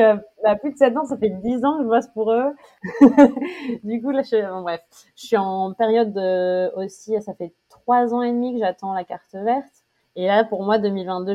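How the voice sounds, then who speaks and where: A woman's voice: mid-range voice, warm tone. A woman in her thirties, from France, being interviewed. She talks casually, with many hesitations and frequent laughter. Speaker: interview guest. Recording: dull lo-fi sound.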